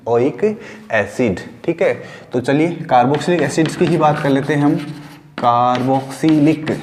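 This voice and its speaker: A man's voice: medium pitch, darkish tone, slight background noise. Man teaching chemistry, repeating each term. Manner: asks questions and answers them himself, repeating key terms slowly; mixes English terms into Hindi explanation. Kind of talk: classroom lesson.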